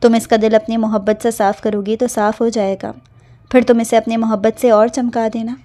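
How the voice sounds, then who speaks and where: A woman voicing an older aunt who gives tender, slow advice to a young woman in a storybook reading. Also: fairly high pitch, flat delivery, warm tone, close to an everyday voice. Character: older aunt, gentle and loving.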